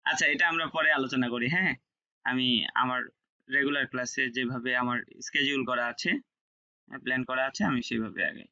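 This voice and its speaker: A man's voice: mid-range voice, fairly even intonation, brisk, sharp tone, dull audio. A man teaching an online class, explaining step by step, repeating key words and checking that students follow. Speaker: French teacher.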